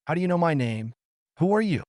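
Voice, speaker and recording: A man's voice: mid-range voice, sing-song, brisk, darkish tone, dry recording, clean studio sound, voice pushed up, lightly acted. A man playing a wary, demanding young man. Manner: demanding, blunt.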